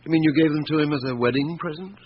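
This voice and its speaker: An actor playing a patient, probing police inspector in a radio drama, measured and wry in manner. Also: male voice, a little high, lightly acted. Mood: wry, challenging. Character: probing, patient male police inspector, middle-aged or older. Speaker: police inspector questioning suspects. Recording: dull, noisy old radio recording.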